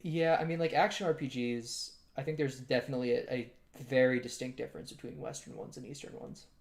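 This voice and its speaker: Young male co-host, gravelly fry, relaxed halting chat. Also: medium pitch. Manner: easygoing, halting, laughs often. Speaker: podcast co-host. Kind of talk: casual chat.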